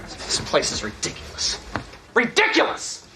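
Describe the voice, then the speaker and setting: A man's voice: high-pitched, very animated, quick pace, noisy background. An actor playing an irate father in a waiting room who barks complaints and picks a fight. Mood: furious. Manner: belligerent, shouting complaints. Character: irate father stuck waiting, short-tempered man. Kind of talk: sitcom acting.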